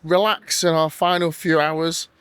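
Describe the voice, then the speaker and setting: A man's voice: fairly high pitch, flat delivery, unhurried, a bit bright, smooth, no echo. A tired man hosting a casual travel vlog, chatty, jokey and rambling. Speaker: vlog host.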